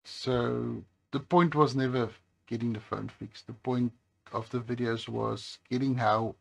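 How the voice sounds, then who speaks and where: Working at a highway-side bench, this phone repair host talks to camera in a slow, gravelly, low voice. His delivery is laid-back and full of hesitations.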